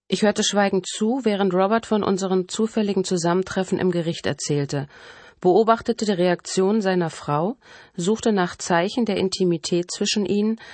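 Lady reading an audiobook, steady and even, dry close sound. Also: lowish voice, no echo. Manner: calm, measured storytelling. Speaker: audiobook narrator. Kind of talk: scripted first-person narration.

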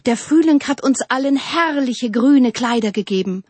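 A woman voicing a chorus of eager, complaining talking trees in a storybook, with a high, pleading, childlike tone. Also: lively intonation, moderate pace, slightly rough, no echo.

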